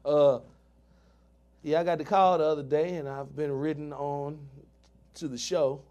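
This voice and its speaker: A man's voice: fairly high pitch, little pitch movement, a little slow, dark tone, dull audio. A man hosting a casual podcast, slangy and joking, laughing often. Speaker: host. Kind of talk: casual chat.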